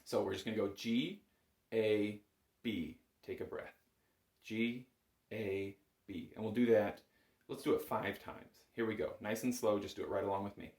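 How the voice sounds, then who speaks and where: A bagpipe instructor gives a conversational music lesson in a small home music room, patiently and encouragingly walking through each step. His voice is fairly low and darkish, with fairly even intonation and a moderate pace. The recording carries a roomy indoor echo.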